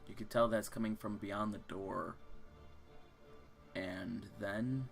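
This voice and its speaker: A man with a low, gravelly voice runs a tabletop game. He builds each scene slowly, with careful description. His voice has a rough, fried texture throughout. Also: steady tone, faint music behind. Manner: slow, descriptive scene-setting. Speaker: game master.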